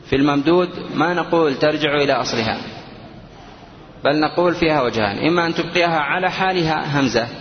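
A man teaching a grammar lesson, explaining slowly and asking his students questions as he goes. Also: mid-range voice. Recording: echoey dull room with faint noise.

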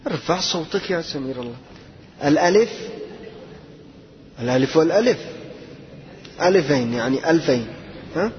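High-voiced male teacher quizzing a class. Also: in a large hall, lo-fi sound. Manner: quizzing students, repeating key words slowly. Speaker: Arabic grammar teacher. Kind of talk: classroom grammar lesson with questions to students.

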